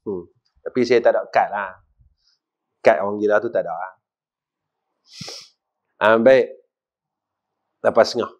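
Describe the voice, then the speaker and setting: A middle-aged man with a northern Malaysian accent giving a mosque lecture, asking the audience questions and swinging between loud and quiet. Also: lowish voice, a little slow, pauses often. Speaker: religious teacher. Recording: dull lo-fi recording.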